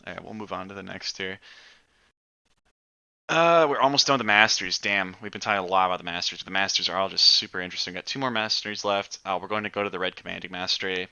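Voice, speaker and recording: Bright, crisp-voiced man hosting a gaming chat. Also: low voice, fairly even intonation, fast talker, no room sound, highs cut off. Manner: loose, swears freely, fills with "like" and "uh". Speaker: podcast host.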